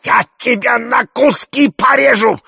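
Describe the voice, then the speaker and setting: A hot-tempered fighter spits furious threats in a high, yelling voice, as a male reader puts him on. Gritty and raw, recorded close and dry for an audiobook. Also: measured pace, gravelly, slightly rough, no room sound, exaggerated voice. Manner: furious, spitting shouts. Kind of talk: audiobook character voice.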